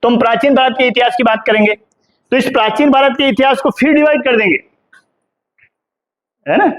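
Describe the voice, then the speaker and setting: In a classroom lecture, a middle-aged Indian history professor speaks a little fast in an extremely high-pitched, fairly bright voice. He fires questions at his students and supplies the answers himself, calling them "beta" and constantly tagging on "hai na."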